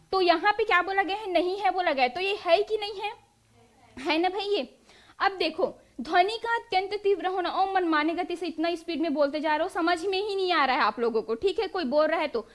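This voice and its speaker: A woman's voice: very high-pitched, fairly bright tone. A young woman teacher leading an exam-prep lesson, asking the class questions and answering them herself. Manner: drills students with quiz-style questions, then answers them.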